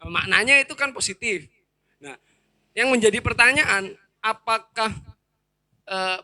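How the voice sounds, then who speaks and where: A man's voice: sits high, pushed and bright, no echo. A man in a casual discussion, asking a question hesitantly and searching for words.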